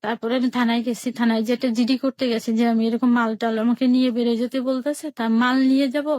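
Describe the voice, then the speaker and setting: A woman's voice: on the high side, little pitch movement, fast talker, darkish tone, dry recording. A woman from Bangladesh telling her own life story on a radio call-in show, plainly and with many repetitions, acting out every exchange in quotes. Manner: plain spoken, repeats herself, retells each exchange in quotes.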